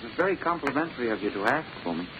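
An actor playing a polite, deferential hotel waiter with a formal manner in a 1940s radio drama. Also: male voice, medium pitch, big pitch swings, rapid-fire, natural voice. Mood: courteous. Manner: formal, courteous. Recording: muffled, noisy old radio recording.

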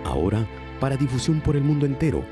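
A man announcing and narrating a religious radio program in a solemn, measured way. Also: mid-range voice, big pitch swings, loud music behind the voice.

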